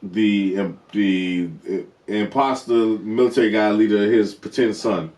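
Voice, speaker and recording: A man's voice: lowish voice, a little slow, a little mellow. A man co-hosting a TV review show, chatting casually, eagerly talking over his partner and calling him bro. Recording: roomy, distant from the mic.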